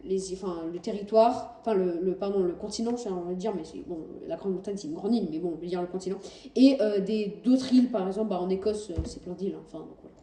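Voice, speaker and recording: A woman talks through game footage in a casual, halting way, stopping often to correct herself. Her voice is very dark and mellow. She sounds set back from the mic in a roomy space with a faint hum behind her. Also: mid-range voice. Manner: hesitant, many fillers and self-corrections. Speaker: gaming channel host. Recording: roomy, distant mic, faint background noise.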